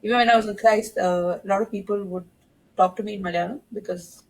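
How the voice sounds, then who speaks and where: A woman's voice: medium pitch, steady tone, fast, rough recording. A woman in her thirties, a podcast guest from India, telling a story in casual conversation and laughing now and then.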